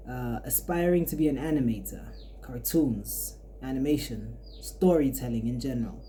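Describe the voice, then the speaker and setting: A woman's voice: extremely low pitch, warm tone, a little hiss or hum. A twenty-year-old woman hosting a podcast, musing aloud in a rambling, reflective way with frequent restarts. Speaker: podcast host and art student. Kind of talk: casual podcast monologue.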